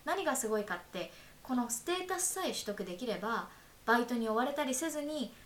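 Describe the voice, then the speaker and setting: A woman hosting an interview podcast, politely asking questions and explaining a topic in an aside. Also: a little high. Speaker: podcast host. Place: room in Paris. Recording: echoey room, faint hiss.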